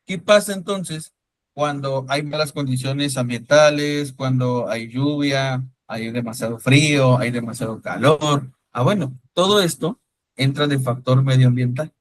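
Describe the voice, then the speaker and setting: With a mid-range voice, a man teaches a class in an online-style lecture, talking casually, addressing students by name and frequently checking with "¿sí me explico?". The audio is poor, though there's no echo.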